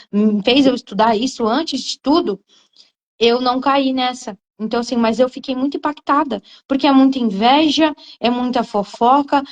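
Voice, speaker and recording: A woman tells her testimony in an earnest, conversational way. Her voice sits a bit high for a woman, and she restarts and repeats words as she speaks straight to her listeners. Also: low-quality recording. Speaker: guest giving testimony. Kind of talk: casual testimony talk.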